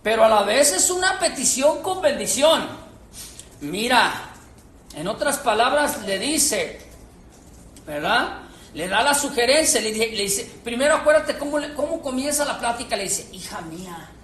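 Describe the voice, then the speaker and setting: A woman teaching a Bible class to a group, animated and quizzing her listeners. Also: fairly high pitch, moderate pace, a little hiss or hum. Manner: animated, questions the audience, acts out quotes. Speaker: church teacher. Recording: echoey room with faint ambience.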